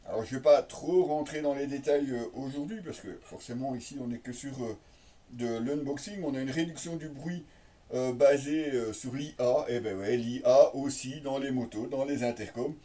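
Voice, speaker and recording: A French-speaking man with a mellow, mid-range voice reviews motorcycle gear in an unscripted unboxing, recorded on a slightly distant microphone. His casual commentary comes out hesitant and piecemeal, full of drawn-out "euhs."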